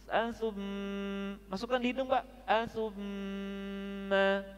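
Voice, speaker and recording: A man teaching Quran recitation at a mosque study session, chatty and joking, drilling the audience with slow, drawn-out recitations. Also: sits high, faint music behind.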